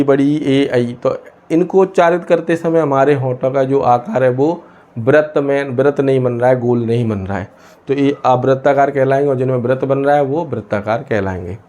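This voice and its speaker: A man teaching a lesson from India, pausing often and asking questions he then answers himself. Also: mid-range voice, darkish tone. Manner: asks and answers his own questions, many hesitations. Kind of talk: explaining a lesson.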